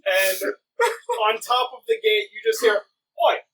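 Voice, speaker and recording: A man's voice: high voice, little pitch movement, a little slow, sharp tone, poor audio. A man narrating as game master of a tabletop game, drawing out his descriptions and laughing along.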